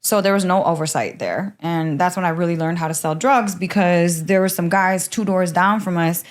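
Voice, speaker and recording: A woman's voice: lowish voice, moderate pace. A woman from Michigan, a podcast guest telling her life story frankly in a chatty way, with lots of "like". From Michigan, USA. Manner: frank, chatty, heavy use of "like". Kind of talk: candid interview storytelling.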